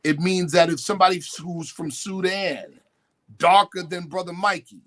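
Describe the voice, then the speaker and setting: A man with a high-pitched voice speaks at normal speed as a talk-show guest, lecturing emphatically. He's animated, quoting definitions and mimicking others as he goes.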